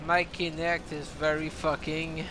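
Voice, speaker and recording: Crude, joking Québécois game streamer. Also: male voice, fairly high pitch, level tone, background noise. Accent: Quebec French. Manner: crude, joking, halting English. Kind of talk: casual gameplay commentary.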